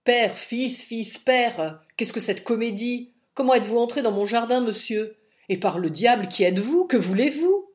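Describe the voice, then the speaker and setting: A woman voicing an irascible, domineering old man who speaks loudly, shouting and sarcastic. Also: mid-range voice, measured pace, natural voice. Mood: scornful, furious.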